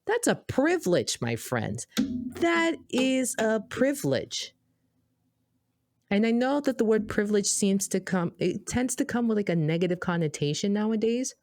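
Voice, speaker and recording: A woman from Boston co-hosting a podcast, telling stories in an animated, emphatic, casual way. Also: medium pitch, fairly quick, few pauses. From Boston, USA. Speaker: podcast co-host.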